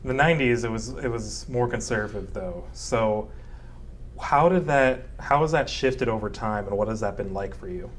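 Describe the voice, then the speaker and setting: A man's voice: lowish voice, moderate pace, a little hiss or hum. A man hosting a community interview, asking loose, friendly questions with restarts. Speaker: interviewer, host. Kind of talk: casual interview.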